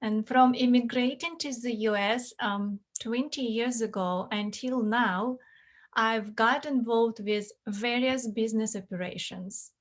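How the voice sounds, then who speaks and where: Slow-speaking woman with a Russian accent. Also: fairly high pitch. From former USSR. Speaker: interview guest, finance mentor. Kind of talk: conversational interview.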